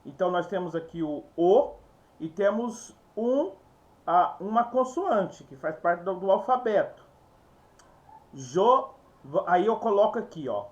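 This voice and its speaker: Slow, lively man teaching. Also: high voice, lo-fi sound. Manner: explains step by step, repeats words, often calls to viewers. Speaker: Bible teacher. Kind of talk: informal video lesson.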